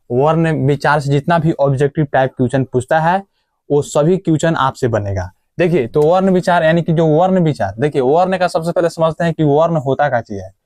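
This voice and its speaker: A man's voice: fairly high pitch, darkish tone, no echo, clean studio sound. A young man teaching an exam-prep grammar lesson in a casual way, asking questions and answering them himself and repeating the key points. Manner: casual, addresses viewers as friends and brother.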